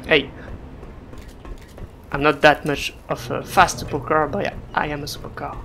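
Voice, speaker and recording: A let's play gamer commenting casually on gameplay, excitable and joking, with yelps and non-native English phrasing. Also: mid-range voice, measured pace, vocal fry, background noise. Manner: excitable, yelps and laughs, jokey asides. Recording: game music and gunfire under the voice.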